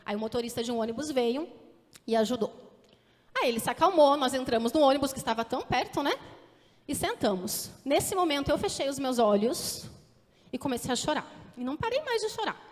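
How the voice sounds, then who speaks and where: A woman's voice: high voice, expressive, a little fast. A Brazilian woman in her thirties, a teacher, giving an earnest sermon testimony and asking the congregation direct questions. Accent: Brazilian Portuguese. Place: church hall. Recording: echoey hall with long reverb.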